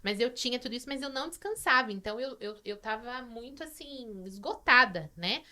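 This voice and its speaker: Brazilian woman on a podcast, kinda high bright voice, gets emotional telling stories, repeats stuff. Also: lively intonation, brisk. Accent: Brazilian Portuguese. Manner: emotional storytelling, repeats words. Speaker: podcast guest. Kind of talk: casual podcast chat.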